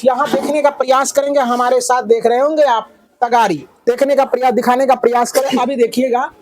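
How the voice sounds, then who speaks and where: A male teacher, leading a classroom lesson and drilling his pupils with loud, repeated questions. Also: extremely high pitch, little pitch movement, brisk. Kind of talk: classroom lesson with call-and-response.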